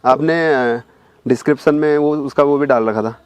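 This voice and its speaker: A man's voice: medium pitch, moderate pace, clear, resonant tone, no echo. Guy hosting a chat show, lots of hmm hmm, dry sound. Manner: interjects short agreeing murmurs. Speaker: podcast host. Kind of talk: casual podcast chat.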